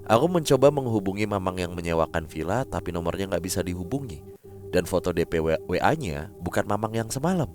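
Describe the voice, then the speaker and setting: A man with a very low voice reads a horror story aloud, his pitch swinging widely as he dramatizes each scene. Faint music plays underneath. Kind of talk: first-person story reading.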